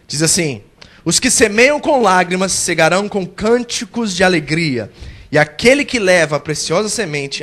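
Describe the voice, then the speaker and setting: A male pastor preaching a sermon at a church service, animated and acting out a believer's complaints. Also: high-pitched.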